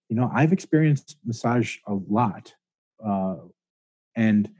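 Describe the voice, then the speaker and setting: A man's voice: on the low side, dark tone, slightly rough, no echo. A man, a chiropractor guest on an interview podcast, explaining ideas at length in a thoughtful, hedging way. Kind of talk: casual interview talk.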